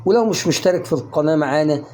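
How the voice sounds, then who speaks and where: A man's voice: fairly high pitch, expressive, rapid-fire, a little mellow, a little hiss or hum. An Egyptian man teaching English pronunciation in a casual online lesson, coaxing the viewer with questions he answers himself. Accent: Egyptian Arabic.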